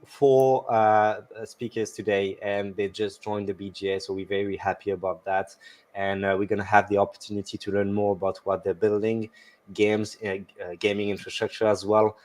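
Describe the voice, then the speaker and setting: A man opens a livestream and hands the mic to the first speaker. His voice sits a little low, and his delivery is halting and full of fillers. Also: little pitch movement. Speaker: livestream host. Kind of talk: livestream introduction.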